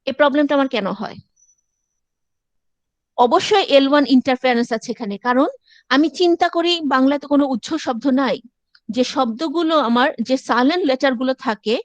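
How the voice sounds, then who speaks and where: Woman lecturer, high voice, dry close sound, step-by-step teaching with English asides. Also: fairly quick, no room sound. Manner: explains step by step, mixing in English phrases. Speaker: university lecturer. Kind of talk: classroom lecture.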